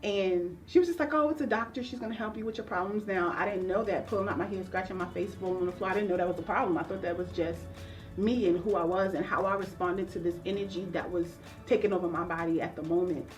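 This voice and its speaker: An earnest woman counselor tells her own story in an interview, reflective and open. She sits a little back from the microphone. Soft music plays faintly underneath. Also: on the low side, fast talker, far from the mic. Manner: earnest and reflective, acting out remembered voices. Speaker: counselor guest.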